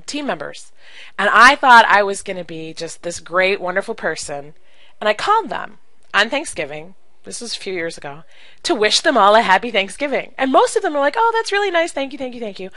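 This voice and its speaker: A woman coaching direct sales in an animated, emphatic way, acting out phone calls as she teaches. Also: medium pitch, moderate pace, no echo, rough recording. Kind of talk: coaching video talk to camera.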